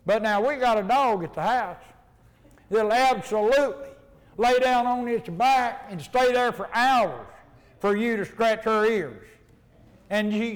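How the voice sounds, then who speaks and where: A middle-aged or older man with an Appalachian hillbilly accent, preaching a folksy, plainspoken verse-by-verse Bible sermon. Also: high-pitched. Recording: reverberant hall.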